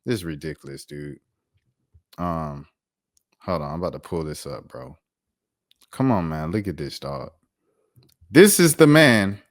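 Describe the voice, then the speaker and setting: An American sports commentator and show host, a man with a deep voice, delivers a casual, opinionated rant that's slangy, incredulous and emphatic, repeating himself for effect. The recording is dry and studio quality.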